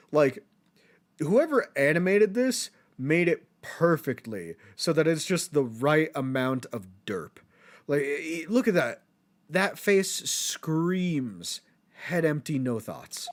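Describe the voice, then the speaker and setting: A man streaming a game with casual, slangy and sarcastic commentary. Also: fairly high pitch.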